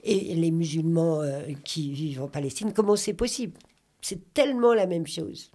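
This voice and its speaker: A woman from Corrèze in France talks as a radio guest. She tells a memory earnestly and with some animation. Her pitch sits on the lower side. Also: normal speed, mellow. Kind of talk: conversational radio talk.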